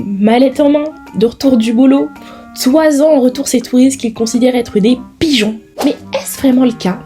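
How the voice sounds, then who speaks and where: A woman reading a scripted vlog voice-over in a measured storytelling way. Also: fairly high pitch, dark tone.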